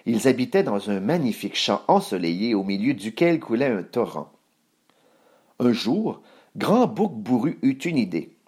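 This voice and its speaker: A man reading a children's story aloud, expressive, voicing sound effects. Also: medium pitch, normal speed, breathy edge.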